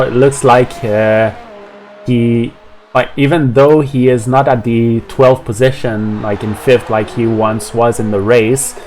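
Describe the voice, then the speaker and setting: A man's voice: mid-range voice, slight background noise. A man commentating live on a sim race as a motorsport commentator, building up as the action unfolds and hesitating between phrases.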